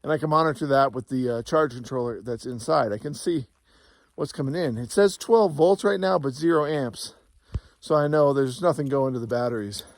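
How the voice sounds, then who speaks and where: A man's voice: medium pitch, moderate pace, no room sound. A middle-aged man chatting casually to the camera outdoors in the snowy mountains, huffing from the cold and talking to his dog as he goes. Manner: chatty, talks to his dog between remarks. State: out of breath from the cold. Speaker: RV vlogger. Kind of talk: casual vlog chat to camera. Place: outdoors in snowy mountains beside a travel trailer. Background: dog nearby.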